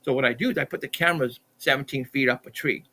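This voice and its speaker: A middle-aged man, a podcast guest, telling a story in an animated, excitable way, stumbling and repeating himself as he acts out what people said. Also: medium pitch, quick pace. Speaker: podcast guest, Bigfoot researcher.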